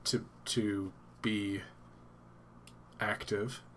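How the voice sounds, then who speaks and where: A man's voice: fairly low pitch, flat delivery, very slow, a little hiss or hum. A man hosting a casual live stream from his home office, stuffed up and thinking aloud with many fillers and restarts.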